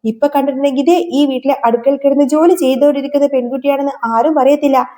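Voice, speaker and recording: A woman's voice: sits high, steady tone, fast, mellow, close to an everyday voice. A woman voicing an eager, sweet young girl in a retold serial story. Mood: excited.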